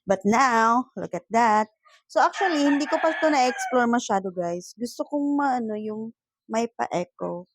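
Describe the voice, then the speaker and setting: A woman's voice: on the high side, animated, a little slow, poor audio. A young Filipina vlogger chatting directly to her viewers while testing a lavalier mic plugged into her phone, at home with roosters crowing outside. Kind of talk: casual product-test vlog.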